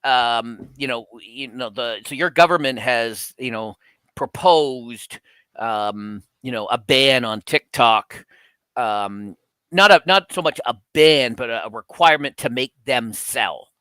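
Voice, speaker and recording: A man's voice: medium pitch, slow, pushed and bright, clean tone, dry recording. A man co-hosting a casual talk show, rambling with many fillers and restarts. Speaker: podcast co-host. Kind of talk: casual chat.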